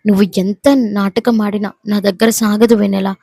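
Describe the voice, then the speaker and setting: Woman reading a sneering young husband, cruel and mocking, mellow even delivery, dry close sound, storybook narration. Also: mid-range voice, fairly quick, creaky, dry recording. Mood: menacing scorn.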